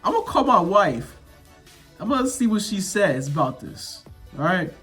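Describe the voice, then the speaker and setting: A man's voice: high-pitched, very animated, normal speed, fairly bright tone, husky, soft background music, heavily acted. Man retelling a wary truck driver. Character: wary middle-aged man truck driver, weighing a bribe.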